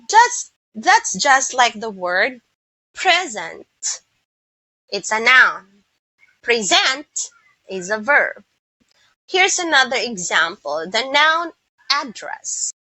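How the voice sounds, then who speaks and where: Woman English teacher, slightly high, careful slow delivery, dry close sound, online lesson. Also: pushed and bright, no echo, poor audio. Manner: slow, careful explaining with restarts.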